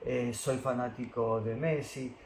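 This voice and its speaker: A man, calmly explaining spiritual philosophy with pauses and Sanskrit terms. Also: medium pitch, echoey room, slight background noise, rough recording. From Argentina. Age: 60s. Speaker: spiritual teacher.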